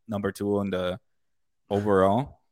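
A man's voice: on the low side, little pitch movement, unhurried, darkish tone, no echo, clean studio sound. A man co-hosting a casual sports talk stream in a laid-back frat-bro way, swearing freely and calling people dude.

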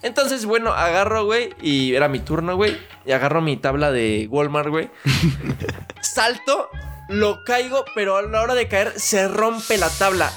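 A man's voice: high voice, animated, a little slow, fairly bright tone, faint music behind. A young man with a Mexican accent telling a story in a casual podcast chat, full of slang and fillers. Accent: Mexican Spanish. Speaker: podcast co-host.

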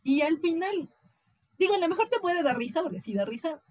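A woman with a Mexican accent chatting casually as a podcast guest, animated and acting out quoted voices. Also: very high-pitched, fairly quick, no room sound.

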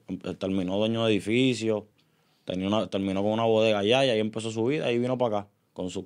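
Brief: Puerto Rican guest in his twenties, relaxed rambling talk, low smooth voice. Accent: Puerto Rican Spanish. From Puerto Rico. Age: 20s. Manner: relaxed, rambling, frequent fillers. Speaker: guest singer. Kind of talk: casual interview chat.

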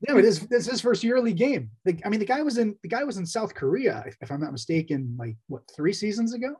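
A man's voice: high voice, sing-song, fast talker, a little mellow, breathy edge. A man co-hosting a basketball podcast, talking in a rambling, casual way with many restarts. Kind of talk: casual sports chat.

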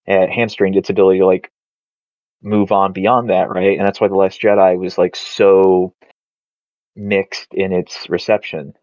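A man co-hosting a podcast chats casually about video games over a video call, rambling and using lots of filler words. His voice is on the low side and a little mellow, with no echo. The call audio is dull and lo-fi.

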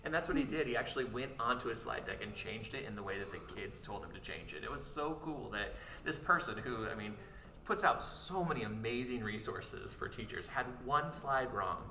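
A man's voice: mid-range voice, animated, a little fast, bright, forceful tone, slight background noise. A man, an educator, enthusiastically recounting a conference session in casual chat. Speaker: educator, podcast guest. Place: conference venue. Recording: roomy, distant mic with background ambience.

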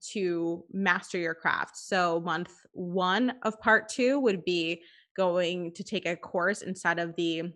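A woman's voice: lowish voice, pushed and bright. A woman co-hosting a podcast, explaining a course path in an upbeat, casual way with some fillers. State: short of breath. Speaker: course co-host.

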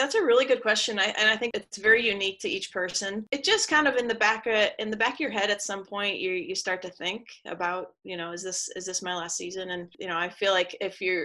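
Woman guest, retired athlete, bright tone, calm and reflective, restarts a lot. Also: medium pitch. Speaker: retired soccer player and guest. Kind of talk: casual podcast conversation.

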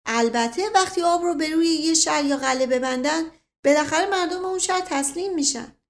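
Woman doing a sly middle-aged nobleman, smooth and coaxing, fairly high voice. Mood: persuasive. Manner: smooth, placating persuasion.

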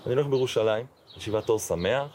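Middle-aged man, rabbi guest telling his story, lively acted-out dialogue, noisy background. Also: medium pitch. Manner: animated storyteller acting out dialogue, frequent fillers. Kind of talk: personal storytelling in an interview. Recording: noticeable background noise.

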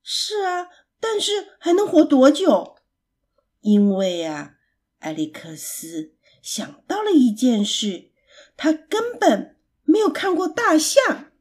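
A woman reading a children's story aloud in a gentle, expressive, unhurried way. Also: high voice.

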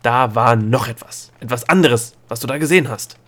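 A man voicing a grumpy, bald male gnome who is a nightmare creature, talking gruffly and impatiently. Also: medium pitch, moderate pace, fairly bright tone, close to an everyday voice. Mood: accusing. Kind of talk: audiobook character voice.

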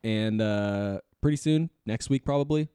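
A man's voice: on the low side, unhurried, dark tone, clean tone, no echo, clean studio sound. Joking young man co-hosting a podcast. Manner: jokey, laughs often, mock-boastful. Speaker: podcast co-host. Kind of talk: casual podcast banter.

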